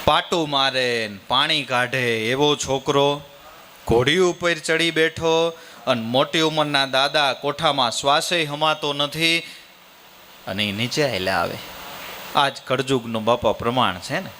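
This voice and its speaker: A man's voice: medium pitch, unhurried, pushed and bright, slight background noise. A man preaching in a Kathiawadi accent, telling a folksy story during a devotional gathering. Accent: Kathiawadi Gujarati. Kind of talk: sermon with storytelling.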